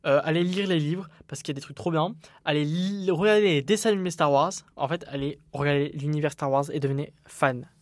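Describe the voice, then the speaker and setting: A man's voice: a little high, fairly quick, few pauses, dry recording. A young man hosting his own solo podcast, talking candidly and rambling with frequent restarts. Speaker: podcast host.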